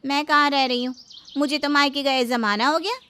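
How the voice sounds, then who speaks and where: A woman's voice: high voice, steady tone, moderate pace, bright, forceful tone, a little hiss or hum. A woman voicing a put-upon young daughter-in-law who complains and defends herself. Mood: complaining.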